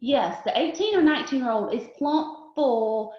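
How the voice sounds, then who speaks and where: A woman's voice: high-pitched, animated, normal speed. A woman in her forties, a chatty beauty consultant giving an upbeat product demonstration and asking viewers to repeat after her. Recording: echoey room, slightly dull sound.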